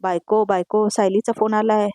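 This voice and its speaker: A woman's voice: medium pitch, flat delivery, normal speed, dark tone, dry recording, natural voice. A woman voicing a panicky husband who is afraid of his wife, speaking in a flustered, pleading way.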